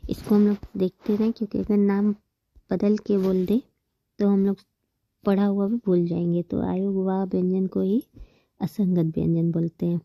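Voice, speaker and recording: A woman's voice: medium pitch, little pitch movement, normal speed, no echo, muffled recording. Woman teaching grammar, patient and dry-sounding. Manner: patient, repeats terms and counts examples aloud. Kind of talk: explanatory online lesson.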